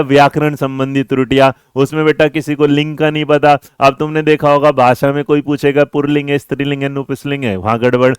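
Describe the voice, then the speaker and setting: A man's voice: medium pitch, clear, resonant tone, no room sound, studio quality. A young man giving an online exam-prep lecture in a chatty, teasing way, calling his students his children and scolding them playfully.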